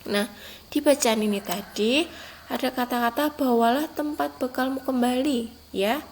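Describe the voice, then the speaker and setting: A young woman teacher talks patiently to small children, her voice pitched a little high. She reads example sentences with a lifted, emphatic tone. A faint hiss sits under the recording. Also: unhurried, a little mellow, rough recording. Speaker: primary school teacher. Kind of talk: recorded online class lesson for young children.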